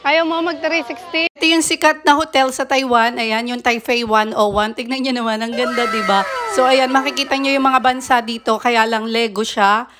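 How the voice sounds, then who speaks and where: A woman narrating a casual travel vlog while walking through an indoor theme park, exclaiming excitedly to her viewers as she films on a handheld phone. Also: on the high side, moderate pace, noisy background. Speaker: vlogger.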